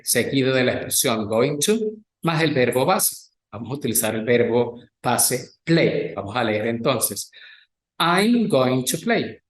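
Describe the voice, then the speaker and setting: A man teaching an English lesson in Spanish, slowly repeating English words and translating them. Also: medium pitch, reverberant. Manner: slow, careful pronunciation drills alternating English and Spanish. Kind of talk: recorded lecture with slides.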